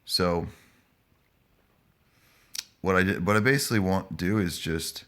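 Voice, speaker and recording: A man chatting casually to live viewers in a stoned, hazy, halting, rambling manner. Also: sits low, fairly bright tone. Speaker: live-streaming vlogger.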